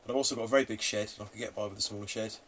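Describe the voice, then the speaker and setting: A southern English man talks quickly in an easy, matey chat, thinking aloud as he goes. There is background noise of rain on the roof. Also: fairly low pitch, steady tone, a bit bright. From England. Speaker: podcast co-host on allotment gardening. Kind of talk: casual chat. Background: rain drumming on the roof.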